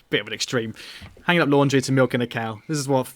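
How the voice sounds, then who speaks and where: A man's voice: medium pitch, fairly quick, no room sound. A man narrating a tabletop game as dungeon master, hesitant and full of fillers.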